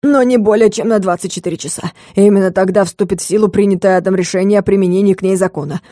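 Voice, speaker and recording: A woman's voice: steady tone, fast, warm tone, no echo, clean studio sound, close to an everyday voice. A woman voicing a scheming, pompous male lord of hell in a storybook reading. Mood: panicked. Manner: mocking, turns shrill and panicky.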